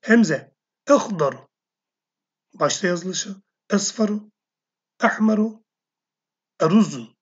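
A woman teaching a language lesson. She reads each word slowly, then repeats it or gives its meaning. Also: medium pitch, animated, slightly rough. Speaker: Arabic teacher. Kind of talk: recorded language lesson reading vocabulary. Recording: dull lo-fi sound.

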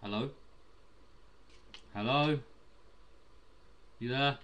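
A man's voice: drawn-out words, slight background noise. Chipmunk-filtered young man. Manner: playful, yelling out. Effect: high-pitched chipmunk voice changer. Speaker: gaming co-player. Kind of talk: casual gaming chat.

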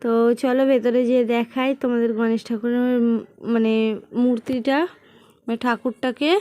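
A woman's voice: a little high, level tone, normal speed, warm tone, no echo. A middle-aged woman chatting casually to viewers as she narrates a family home vlog, rambling and addressing them directly. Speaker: vlogger.

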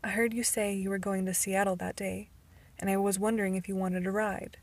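Teasing teen boy, calm and quiet, flat delivery, breathy edge, read by a woman. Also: medium pitch, a little fast, close to an everyday voice.

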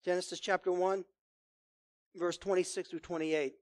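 A man preaching a sermon as pastor, reading scripture and then driving his points home in earnest, with emphatic rises and hushed drops. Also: sits high, little pitch movement, normal speed, dry recording.

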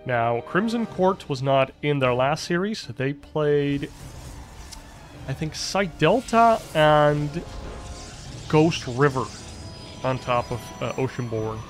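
A man casting a strategy game on his own, calm play-by-play that jumps up in pitch at big fights. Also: takes it slowly, long pauses, soft background music. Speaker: esports caster. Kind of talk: solo play-by-play commentary.

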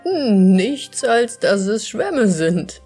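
A woman voicing a bold young man who teases with amusement, in a breathy voice for a storybook reading. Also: low voice, unhurried, darkish tone, soft background music. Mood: amused. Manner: amused, teasing.

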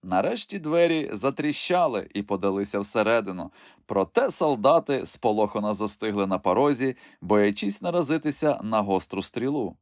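A man narrates a storybook with lively, animated pitch and dramatic expression. His voice is recorded close in a dry, dead studio. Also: normal speed, no room sound. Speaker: audiobook reader.

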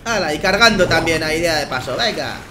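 A young man with a Spain Spanish accent, slightly hoarse from just waking, giving excitable let's play commentary full of swearing and laughter. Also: fairly high pitch, a little fast, noisy background. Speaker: gaming commentator. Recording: game music behind.

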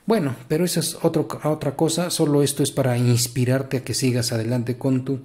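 A man's voice: mid-range voice, fairly even intonation, brisk, warm tone. A man with a Mexican Spanish accent gives a casual English grammar lesson, chatty and encouraging, with many fillers. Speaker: English teacher.

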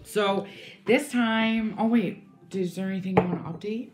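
A woman's voice: medium pitch, normal speed, echoey room, music in the background. A woman co-hosting a casual podcast chat, loose and jokey, rambling through stories. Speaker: podcast co-host.

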